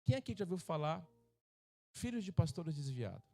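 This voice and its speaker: Preaching to his congregation, this middle-aged Brazilian man keeps things funny and acts out the quoted voices in his anecdotes. He has a gravelly, dark voice with fairly high pitch, speaking at a moderate pace with a very animated delivery and a Brazilian Portuguese accent.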